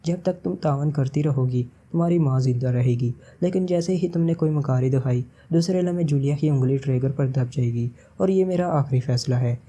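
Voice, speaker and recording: A man's voice: medium pitch, few pauses, mellow, natural voice. A man reading the part of a stern male secret agent who speaks in a cold, serious tone.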